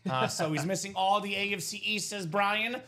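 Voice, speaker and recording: An upbeat man in his thirties, originally from Bulgaria, hosts a live card-break stream. His voice sits high and sounds bright and forceful as he hypes up each pull and calls viewers brother. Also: normal speed. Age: 30s. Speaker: host of a live sports card break show. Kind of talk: live stream sales chat.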